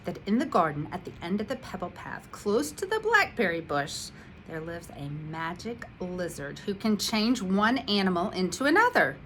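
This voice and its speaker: Woman doing a wind-up toy mouse, soft, confiding, gentle, storybook. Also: lowish voice, big pitch swings, moderate pace, low-quality recording. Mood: secretive.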